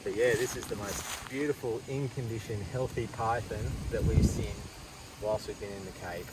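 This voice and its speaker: Australian male nature presenter, low register, enthusiastic slangy field delivery, noisy outdoor recording. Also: fairly even intonation, normal speed, far from the mic. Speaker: wildlife host. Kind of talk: wildlife field vlog, casual presenting to camera. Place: outdoors in the bush.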